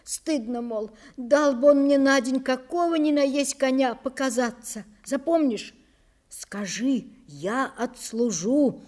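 A woman's voice: high-pitched, takes it slowly, a little mellow, pitched above the performer's own voice. A woman reading a desperate young nobleman. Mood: urgent pleading. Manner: urgent, imploring. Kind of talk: audiobook character reading.

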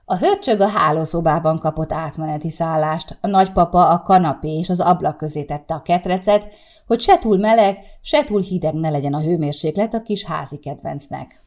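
A woman reading a short story aloud in a calm storytelling voice as an audiobook narrator. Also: low voice. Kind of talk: scripted narration.

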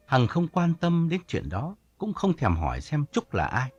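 A man narrating an audiobook story in a calm storytelling manner. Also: fairly high pitch, measured pace, husky, no room sound, dull audio.

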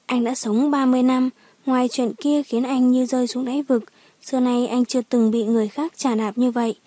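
A woman's voice: sits high, fairly even intonation, a little fast, mellow, no echo. A woman narrating a dramatic audiobook story in scripted, storytelling style.

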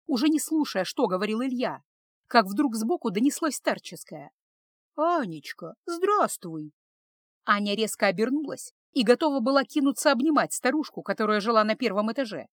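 A woman narrating a dramatic novel with expressive, emotional delivery. Her voice sits fairly high. The recording is close and dry, with no room sound. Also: no echo. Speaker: audiobook narrator.

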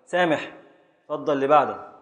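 A man with an Egyptian Arabic accent, teaching a class as a sheikh, slowly chanting syllables of poetic meter and calling on students by name to answer. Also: fairly high pitch, animated, fairly bright tone. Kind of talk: classroom lesson, quizzing students.

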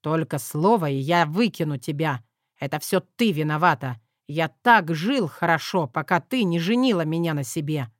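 A woman's voice: deep voice, measured pace, dry recording, clean studio sound, voice pushed down. A woman voicing a burly, short-tempered husband who growls and speaks curtly. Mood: angry. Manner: growling, curt.

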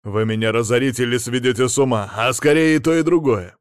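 A man's voice: mid-range voice, normal speed, dry recording, clean studio sound, natural voice. A man voicing a blunt, hot-tempered middle-aged businessman husband. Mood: gruff. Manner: blunt, gruff, loud.

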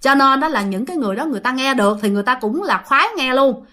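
Female host, higher voice, chatty ghost-story teller who talks straight to listeners. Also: expressive, rapid-fire, bright, forceful tone. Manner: chatty, addresses listeners directly, many fillers. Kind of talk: casual storytelling.

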